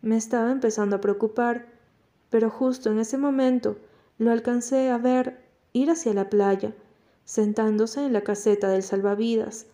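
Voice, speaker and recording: A woman reading a novel aloud in first person as an audiobook narrator, at a steady, measured pace. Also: on the high side.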